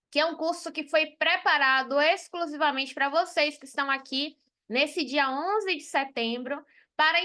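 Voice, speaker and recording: An accountant from Salvador, Bahia, Brazil, teaches a live payroll class, speaking frankly and chatting with her students while tossing in frequent tag questions. Her voice is high, pushed, and bright.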